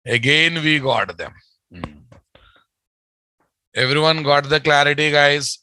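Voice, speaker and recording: A man's voice: a little high, expressive, slow pace, bright, forceful tone, smooth, no echo, rough recording. A man with a Telugu Indian accent giving an informal programming lecture, repeating phrases and addressing his students directly. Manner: informal, repetitive, addressing students as guys and boss. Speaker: programming teacher.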